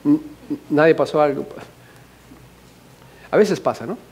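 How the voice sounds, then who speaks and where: A man from Mexico with a Mexican accent, a pastor preaching a humorous, animated sermon full of questions to the congregation. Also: a little high, moderate pace. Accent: Mexican Spanish.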